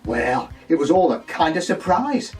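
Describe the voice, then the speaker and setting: A man playing a gossipy, saucy pantomime dame in a camp, shrill, mock-scandalised voice, delivering a comic monologue. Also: big pitch swings, unhurried, darkish tone, distant mic, faint music behind. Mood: gossipy, dreamy. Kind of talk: comic monologue full of puns.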